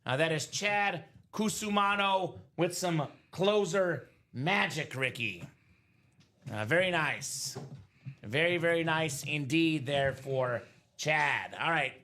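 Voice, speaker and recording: A man in his thirties hosting a live card break, chatty and energetic, calling out names and teams. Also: a little high, slow, a little hiss or hum. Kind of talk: live stream commentary.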